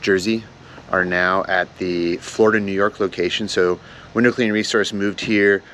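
A man's voice: deep voice, fairly even intonation, moderate pace, fairly bright tone, slight background noise. A man in his thirties hosting a casual, upbeat walk-through tour of a large warehouse on a lapel mic. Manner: upbeat, enthusiastic. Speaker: vlog host.

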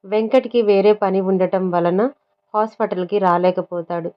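A woman's voice: mid-range voice, steady tone, moderate pace. A woman narrating a serialized story and reading every character's lines in much the same voice. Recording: dull lo-fi sound.

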